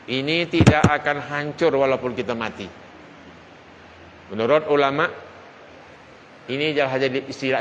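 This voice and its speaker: A man's voice: mid-range voice, a bit bright, long reverb tail, lo-fi sound, slight background noise. A male preacher giving an evening religious study lecture, speaking straight to his listeners with emphatic storytelling. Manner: addresses the audience directly, emphatic storytelling. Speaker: Islamic preacher.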